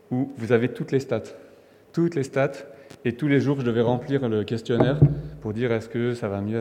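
A man's voice: mid-range voice, a little mellow. A man from France preaching a sermon in a conversational, emphatic way, with restarts and fillers. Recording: long hall reverb.

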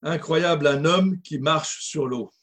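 A male pastor delivering a sermon at an unhurried pace, lingering on key words. His voice sits a little high for a man and has a husky, breathy edge. He reads scripture and comments on it in a measured, emphatic way. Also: a bit bright. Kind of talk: sermon with Bible reading.

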